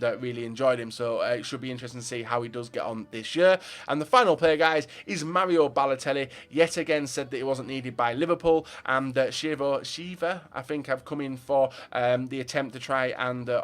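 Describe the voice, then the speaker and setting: Young man, casual football vlog host, opinionated, filler-heavy delivery, mid-pitched voice. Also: a bit bright. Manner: chatty, opinionated, frequent fillers. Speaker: football transfer news vlogger. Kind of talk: casual commentary to viewers.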